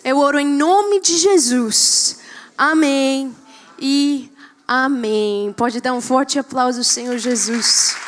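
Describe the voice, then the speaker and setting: Woman pastor, high voice, church hall echo, sermon. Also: takes it slowly. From Colombia. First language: Spanish. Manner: warm, laughing, builds to loud preaching. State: pregnant. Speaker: guest pastor.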